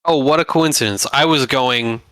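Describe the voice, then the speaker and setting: A man with a mid-pitched, bright voice plays his tabletop character in a blunt, offhand way. The sound is dry and close. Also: normal speed, clean tone, dry recording. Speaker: player. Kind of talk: casual in-character play.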